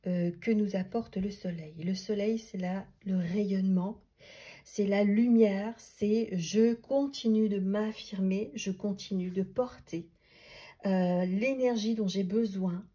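A woman teaching a tarot method in a loose, thinking-aloud way, often restarting her sentences. Her voice is warm and mellow, with a husky, airy edge. Now and then she softens almost to a whisper. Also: medium pitch, slow pace. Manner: thoughtful, restarts often, drops to near-whispers. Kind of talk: unscripted teaching talk.

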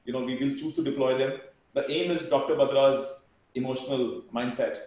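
Business interview guest: man, Indian accent, rapid emphatic delivery, heavily reverberant room. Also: mid-range voice. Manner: animated, emphatic. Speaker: company co-founder, interview guest. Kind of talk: conversational interview answers. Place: indoor room, video call. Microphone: video call. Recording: very echoey room on video call.

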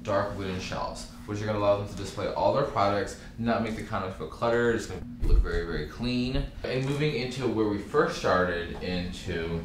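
An eager man in his thirties leads a tour through an echoey spa, his voice a touch low, talking in bursts of excitement padded with fillers. Audible room noise hums behind him the whole time. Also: normal speed, hardly any pauses. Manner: enthusiastic, gesturing, filler-heavy. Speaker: interior designer. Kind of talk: walkthrough tour explanation. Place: indoor spa salon, echoey rooms.

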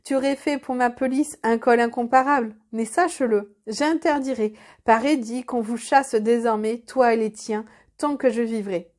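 A woman's voice: a little high, steady tone, moderate pace, darkish tone, lightly acted. A woman reading an earnest young prince. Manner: solemn, formal storybook speech. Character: young male prince, humbled, earnest and noble.

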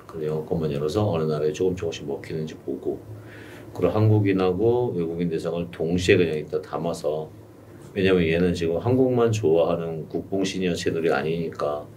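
Here a YouTube coach, a middle-aged man, gives one-on-one consulting advice in a small studio room, explaining steadily and patiently. His voice sits low, a little mellow, and runs fairly quick. Faint room noise is heard, since the desk mic on its stand is some distance away.

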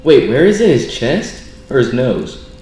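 A man's voice: mid-range voice, very animated, measured pace, darkish tone. A young man playing a horror game, chatting casually in a nervous, jumpy, exasperated way. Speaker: gamer. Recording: echoey room, some background noise.

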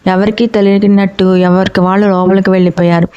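Mellow woman narrating a family drama. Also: medium pitch, flat delivery, a little fast, clear, resonant tone. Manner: voices each character's lines in her own voice. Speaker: storyteller. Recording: muffled lo-fi recording.

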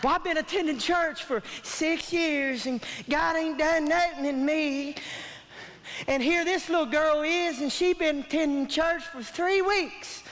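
Preaching at a measured pace, a male pastor with a very high, fairly bright voice works through an emphatic, colloquial, repetitive sermon that calls for response. He stands on a large indoor church auditorium stage, where some chatter can be heard behind him and the sound system produces a long hall reverb.

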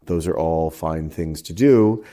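A man's voice: rumbling low, unhurried, warm tone. A man who is a priest co-hosting a podcast, talking in an easygoing, teaching way and laughing often. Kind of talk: casual conversational podcast.

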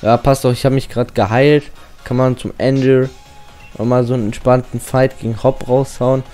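A man's voice: mid-range voice, little pitch movement, normal speed, mellow, faint music behind. A young man giving casual, slangy let's-play commentary as a channel host, often reading game text aloud.

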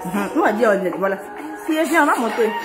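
Playful woman, high voice, slightly breathless; echoey room, music underneath. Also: expressive, fast. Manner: playful, chatty, breaks into sung worship lines. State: a little out of breath. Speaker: singer. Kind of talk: casual chat with singing.

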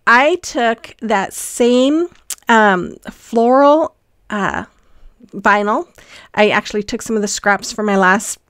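A woman's voice: a little high, no room sound, studio quality. A woman hosting a casual craft tutorial voice-over, chatty and rambling with frequent ums and restarts. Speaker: craft channel host.

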